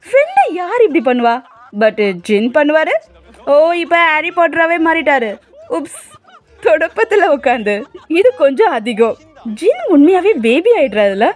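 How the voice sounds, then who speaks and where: A woman's voice: high voice, sing-song, normal speed. A woman with a Tamil accent narrating a comic fan dub in a teasing, chatty voice-over, full of exclamations.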